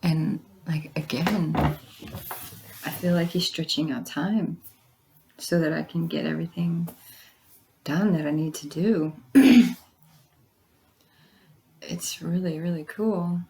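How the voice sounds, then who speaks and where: A woman chatting casually to viewers in a halting way, her hoarse voice giving out and breaking into whispers. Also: on the low side, fairly even intonation, a little mellow. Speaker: vlogger.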